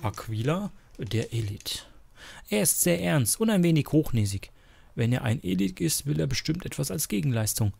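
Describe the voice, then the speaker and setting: A man's voice: a little high, big pitch swings, normal speed, vocal fry, a little mellow, breathy edge, no echo, voice pushed up, full character voice. A man voicing a stern, protective old woman elder from a game, reading her lines in a lecturing, firm tone. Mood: advising.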